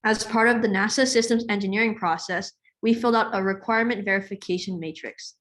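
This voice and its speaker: A young woman from California presenting her part of a student project on a video call, in an even scripted delivery. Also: medium pitch, brisk.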